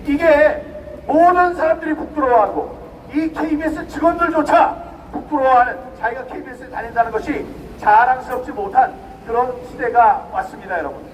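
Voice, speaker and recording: A man's voice: very high voice, brisk. A middle-aged man giving an emphatic protest speech at an outdoor rally, firing rhetorical questions at the crowd. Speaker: rally speaker. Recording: distant mic outdoors, faint noise.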